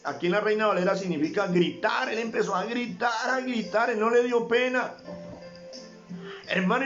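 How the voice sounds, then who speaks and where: A man's voice: fairly high pitch, muffled recording. A man from Colombia with a Colombian accent, a pastor giving a fervent sermon over a live stream, repeating words for emphasis and calling listeners brother. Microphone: livestream.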